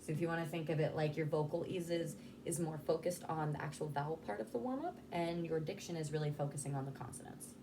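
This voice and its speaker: Speaking quickly in a deep voice and barely pausing, this woman vocal coach gives a relaxed, informal lesson on articulating sounds, demonstrating as she goes. The audio quality is poor.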